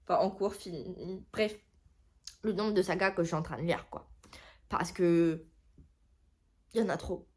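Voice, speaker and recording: A woman's voice: on the low side, measured pace, pauses often. Chatty young woman rambling casually. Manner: rambling, chatty, self-correcting. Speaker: book vlogger. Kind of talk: casual chat.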